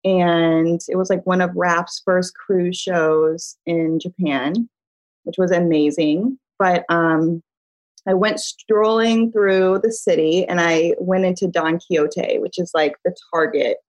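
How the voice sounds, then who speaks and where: A middle-aged woman from Chicago in the US Midwest, a beauty brand founder, chats as an interview guest, telling stories full of laughs and fillers. Her voice is fairly low, steady and slow, and the recording is dry and of poor quality.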